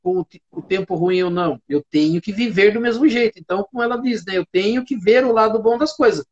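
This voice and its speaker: A study group participant with a middle-pitched voice talks casually and thoughtfully. They often pose questions aloud and add short tag questions to their phrases. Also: fast, muffled recording. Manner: reflective, asks itself questions aloud, frequent "né?".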